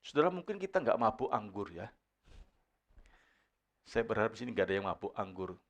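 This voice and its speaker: A male pastor preaching a sermon to his congregation. He calls out to them and poses rhetorical questions, moving from quiet anecdotes to loud, high-pitched exhortation. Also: very animated, fairly quick, highs cut off. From Indonesia. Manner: addresses the congregation as "saudara", asks rhetorical questions. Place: church service.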